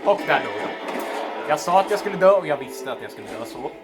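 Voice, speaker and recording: A man commentating his gameplay, swearing constantly and breaking into loud outbursts. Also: on the high side, expressive, loud music behind the voice. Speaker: gamer commentating his play. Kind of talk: let's play commentary.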